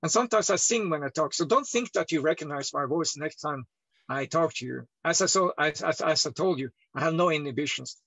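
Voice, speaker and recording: A man from Northern Scandinavia, talking loudly in broken English as an interview guest while lying down away from the microphone. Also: fairly quick, husky, dry recording. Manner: speaks loud toward a distant mic, broken English, swings between deep and high. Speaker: healer interviewee. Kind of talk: rambling interview monologue. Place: lying down indoors. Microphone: microphone set away from his head.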